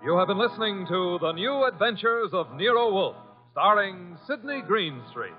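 A man's voice: high-pitched, expressive, moderate pace, lo-fi sound, music in the background. Male announcer on an old broadcast disc. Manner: crisp formal announcer delivery. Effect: old broadcast disc transfer. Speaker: program announcer. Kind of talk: scripted closing announcement.

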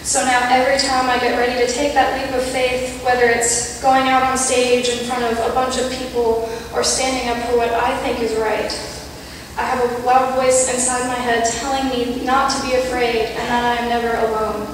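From the pulpit, a youth speaker reads a prepared reflection in a fairly high voice, sounding sincere and measured while slipping in some self-deprecating remarks. The recording, from a pulpit mic and a distant camera, carries a big sanctuary's long echo and constant room hum.

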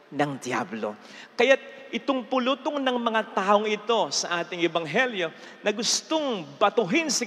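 A young Filipino priest giving an animated homily on a handheld mic in a large church, mixing English phrases in and slowing down to stress key lines. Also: male voice, sits high, in a large hall. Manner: animated, gesturing with raised arm. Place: large church sanctuary before an altar.

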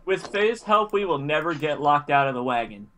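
A man with a bright, forceful voice and a lively pitch, joking with friends as they play. His talk wanders into rambling asides. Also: normal speed, a little hiss or hum, poor audio. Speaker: friend in a group game stream. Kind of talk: casual gaming chat.

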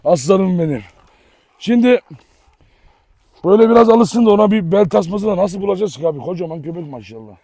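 A man's voice: sits high, animated, brisk, pauses often, mellow, no echo. A man hosting a casual outdoor dog vlog, coaxing his dogs and talking to viewers by turns. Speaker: dog owner and channel host.

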